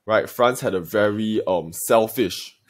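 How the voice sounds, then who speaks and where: A secondary school history teacher, a man whose voice is on the low side, gives a recorded video lesson. He speaks directly to his students with deliberate emphasis, in a lecturing style.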